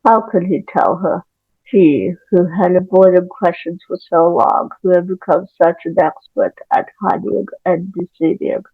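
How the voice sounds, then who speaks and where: A woman's voice: lowish voice, measured pace, husky, no echo. A woman reading an audiobook aloud as an amateur narrator, careful, with occasional stumbles over words. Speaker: audiobook reader. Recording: tinny phone-like home recording.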